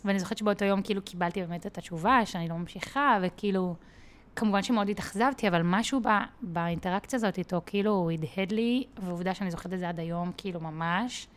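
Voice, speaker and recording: Woman, podcast guest, casual storytelling, chatty, mid-pitched. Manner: chatty, many fillers and restarts, vivid storytelling. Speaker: podcast guest, content creator.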